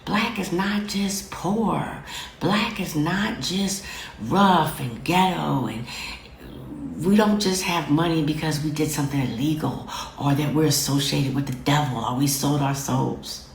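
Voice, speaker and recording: A woman's voice: deep voice, a little slow, reverberant, a little hiss or hum. A woman hosting her own show, lecturing her viewers directly in an affectionate but firm way and repeating phrases for emphasis. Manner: affectionate yet lecturing, calls listeners babies and fam. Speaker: host. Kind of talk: direct-to-camera commentary.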